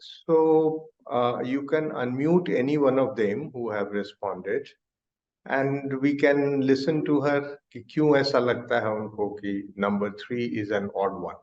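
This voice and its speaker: A man's voice: mid-range voice, normal speed, darkish tone, lo-fi sound. Man leading teacher training. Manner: questioning, mixes Hindi into English. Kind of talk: online teacher-training session. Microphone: video call.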